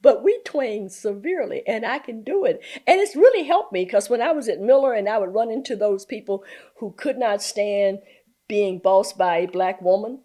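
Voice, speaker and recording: An older woman from southern Virginia, an activist guest in an interview, telling animated stories and dropping into folksy Southern talk. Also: mid-range voice, normal speed. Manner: animated storyteller who slips into folksy Southern talk and laughs often. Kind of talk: storytelling in a conversational interview.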